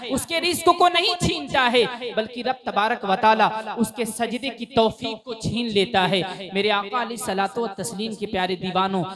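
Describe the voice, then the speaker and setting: A man preaching an impassioned sermon at a religious gathering, fervent and rhetorical, with repeated invocations to his listeners. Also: very high-pitched. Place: religious gathering before a crowd.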